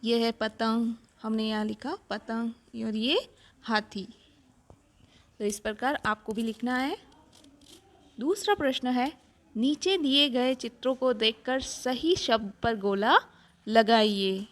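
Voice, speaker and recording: A woman's voice: fairly high pitch, slow pace. A woman teacher patiently walking through a children's worksheet, explaining each answer step by step. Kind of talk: worksheet walkthrough lesson.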